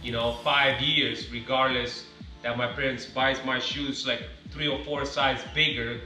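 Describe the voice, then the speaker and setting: A man's voice: mid-range voice, flat delivery, measured pace, bright, forceful tone, soft background music. A man, talking casually and reflectively with many fillers, recorded in a large home garage by a camera some distance away. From Romania. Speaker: car-building vlogger. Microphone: camera set some distance away on a ladder. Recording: echoey garage from far off.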